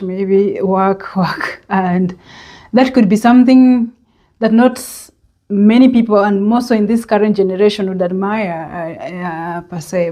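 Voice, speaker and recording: A woman with a Kenyan accent speaks in a relaxed, mellow voice at a middling pitch. She talks to her vlog audience in a reflective, searching way, often stopping on an "uh" or "um" before she goes on. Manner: unhurried and reflective, with many hesitant pauses and fillers. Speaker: vlogger. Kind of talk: reflective personal vlog monologue.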